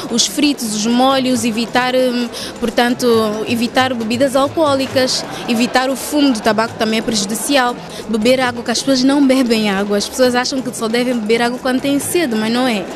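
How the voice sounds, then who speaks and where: Woman doctor, calm, listing health tips, slightly high voice, music behind. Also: brisk. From São Tomé and Príncipe. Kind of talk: interview, health advice.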